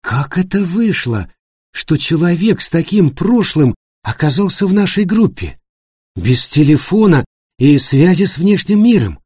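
A man voicing an exasperated woman who speaks in a measured, sardonic way. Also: high-pitched, lively intonation, warm tone, breathy edge, no room sound, studio quality, voice pushed up.

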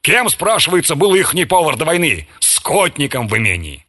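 A man's voice: a little high, very animated, normal speed, sharp tone, voice pushed up, full character voice. A man voicing a jovial, gluttonous army chaplain who lectures pompously. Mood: pompous lecturing. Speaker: military chaplain.

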